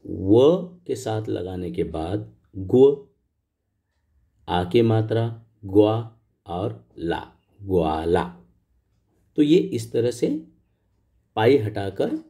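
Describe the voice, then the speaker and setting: A man's voice: lowish voice, lively intonation, very slow, gravelly, pauses often, warm tone. A middle-aged man teaching a school grammar lesson, explaining patiently step by step and asking the pupils questions.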